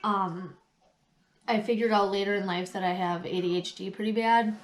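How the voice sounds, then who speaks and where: A woman with a stuffy nose from a cold, telling her personal story candidly and pausing often as she remembers. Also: medium pitch, steady tone. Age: adult past late twenties. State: has a cold.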